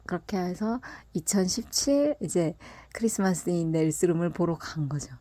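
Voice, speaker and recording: Woman telling a story half in a whisper, mellow low-ish voice, dead dry sound. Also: animated, moderate pace, no echo. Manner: soft, half-whispered delivery, laughs often. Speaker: fan telling a personal story. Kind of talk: casual storytelling monologue. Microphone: close mic, voice only.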